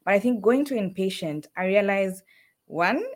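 A woman from Kenya, a guest in an interview, telling her career story in a lively way. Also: medium pitch, moderate pace. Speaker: fellowship guest, food production manager. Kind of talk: casual interview talk.

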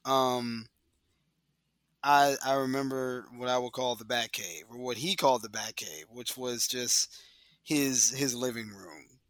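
A man talks as a guest in a reflective interview, halting and thoughtful, leaning on fillers as he searches for words. His voice is bright and forceful in tone, with a dry, close sound that has no room echo. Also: mid-range voice. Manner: hesitant, trailing off with many fillers.

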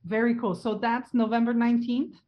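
A woman's voice: on the high side, fairly even intonation, brisk, highs cut off. A woman with a French accent, a native French speaker, hosting a casual conversational interview. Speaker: podcast host.

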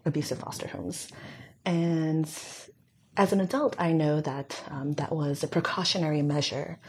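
Low, mellow-voiced woman recounting her story. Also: a little hiss or hum. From Hong Kong. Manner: reflective, speaks with frequent fillers. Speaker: guest. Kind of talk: conversational interview.

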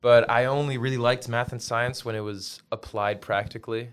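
A man's voice: mid-range voice, steady tone, normal speed, smooth. A man in his early twenties, a college intern guest, talking in a laid-back way with frequent "like". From Belgium, raised in New York City. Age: early 20s. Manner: laid-back, laughs easily, uses "like" a lot. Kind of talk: casual interview.

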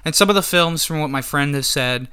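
A man's voice: fairly high pitch, fairly quick, pushed and bright, clean tone. A young man chatting as a podcast guest, rambling with lots of restarts and frequent swearing. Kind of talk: casual chat.

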